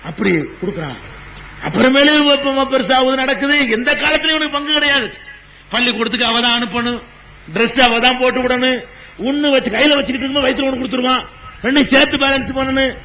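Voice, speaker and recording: High-pitched scolding preacher man. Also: fast, bright, forceful tone, slight background noise, rough recording. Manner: rhetorical questioning, scolding the audience. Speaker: Islamic preacher. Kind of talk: sermon.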